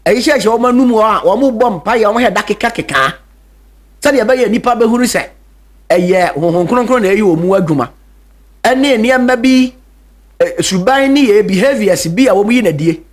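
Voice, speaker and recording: A Ghanaian man preaching a radio sermon in Twi and English, emphatic, repeating key words, with hesitant fillers. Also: high-pitched.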